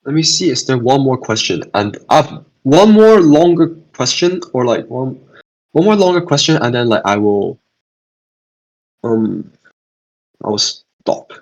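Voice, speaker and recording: A young man with a husky, slightly rough voice tutors physics over a video call. He talks casually and hesitantly, restarting and repeating bits of sentences as he answers questions from chat. He speaks at a middle pitch, into a computer mic at home. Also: big pitch swings, measured pace, rough recording. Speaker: student tutor hosting a revision session.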